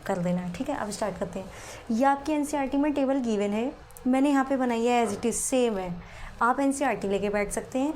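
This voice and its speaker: A woman teacher with a voice a bit above average pitch walks students through a biology lesson, switching between Hindi and English. She stops often to ask questions and calls the students "beta". A faint hiss runs under her close-miked voice. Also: darkish tone. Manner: explains step by step, calls students "beta", asks them questions. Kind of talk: Hindi-English classroom lecture.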